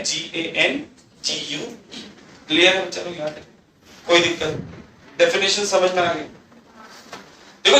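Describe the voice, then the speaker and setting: A man's voice: high-pitched, fairly bright tone, recorded from a distance. A man teaching a classroom lecture, mixing Hindi with English terms and quizzing the class with questions he answers himself. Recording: echoey room, voice off-mic, faint hum.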